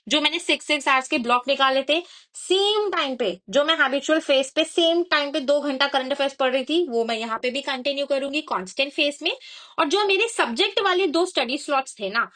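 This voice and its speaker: Young female study coach, high voice, explains a study plan step by step and checks in with viewers often. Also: fairly bright tone. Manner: code-switching, repeats points, checks in with the viewer.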